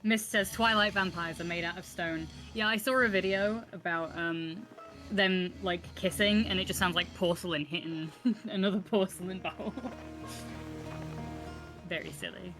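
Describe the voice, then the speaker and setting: A woman's voice: lowish voice, moderate pace, rough recording. A woman streaming a video game and chatting casually, often giggling. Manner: giggly, relaxed. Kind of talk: casual gameplay chat. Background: game music.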